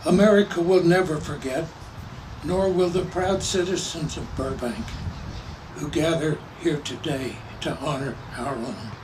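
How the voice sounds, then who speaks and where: A man with a fairly high voice delivers a formal prayer in measured, solemn phrases. He sounds distant from the microphone, with clear background noise around him. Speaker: clergyman giving a ceremony prayer. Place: public memorial ceremony.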